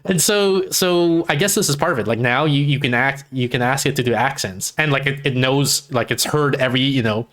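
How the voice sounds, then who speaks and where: A man's voice: mid-range voice, brisk, hardly any pauses, fairly bright tone. A man hosting a live stream, chatting casually and rambling, full of restarts and fillers. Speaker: streamer host. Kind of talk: casual chat.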